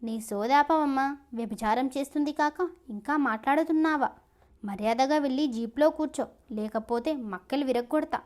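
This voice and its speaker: A woman doing a mean bullying cop guy, gruff and threatening. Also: sits high, normal speed, darkish tone, lightly acted. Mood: menacing. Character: rough, threatening male police officer.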